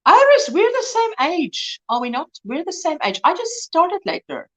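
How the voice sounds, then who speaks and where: A woman's voice: very high-pitched, very animated, normal speed. A woman in her early fifties hosting a live crochet chat. She talks casually, reads and answers viewers' comments, and laughs often. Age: 50s.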